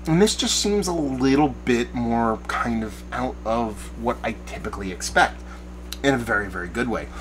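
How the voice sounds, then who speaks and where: A man's voice: mid-range voice, animated, moderate pace, background noise. A bearded man in his forties giving a casual, rambling beer review to camera from a small shed studio, often searching for words. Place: backyard shed studio at night, small room.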